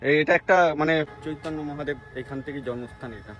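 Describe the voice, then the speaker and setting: A man's voice: on the high side, fairly even intonation, brisk. A man giving directions in casual, matter-of-fact talk outdoors. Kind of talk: casual chat. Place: outdoors by a riverbank.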